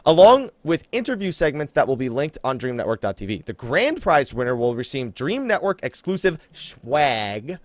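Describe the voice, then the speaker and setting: With hardly any pauses, a very animated American host from New Jersey rattles off announcements at a moderate pace in a medium-pitched voice, with no room sound. His casual gaming podcast is jokey and informal, full of laughs and ad-libs.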